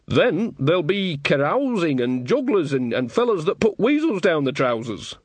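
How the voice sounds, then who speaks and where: A man's voice: on the high side, big pitch swings, normal speed, breathy edge, no room sound, pitched above the performer's own voice. A man voicing an earthy, shrewd old woman witch who talks in a folksy, blunt, teasing way. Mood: wry. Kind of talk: audiobook character reading.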